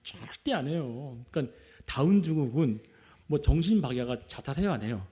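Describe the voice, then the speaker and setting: A male pastor preaching a Sunday sermon, posing questions to the congregation and waiting for answers, alternating between loud exclamations and quiet asides. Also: medium pitch, moderate pace. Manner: animated preaching, rhetorical questions, call-and-response with the congregation. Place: church sanctuary.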